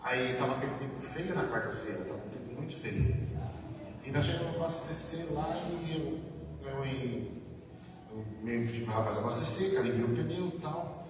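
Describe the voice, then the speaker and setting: A man's voice: mid-range voice, lively intonation, moderate pace. Man, Brazilian Portuguese accent, church testimony, rambling and repetitive, heard from far off, long hall reverb. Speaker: church member giving testimony. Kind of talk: spoken testimony at a church service. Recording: echoey church hall from far off with background noise.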